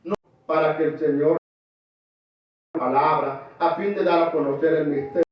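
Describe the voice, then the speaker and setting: A man's voice: fairly high pitch, fairly even intonation, moderate pace, muffled recording, slight background noise. A man preaching a sermon, emphatic and calling out to his listeners as brother again and again. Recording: very echoey, distant mic in a hall.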